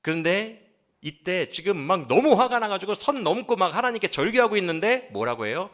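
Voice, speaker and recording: A male pastor preaching a sermon in church, animated and always asking the congregation questions. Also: a little fast. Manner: acts out quoted pleas with sudden swings in pitch and loudness. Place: church sanctuary.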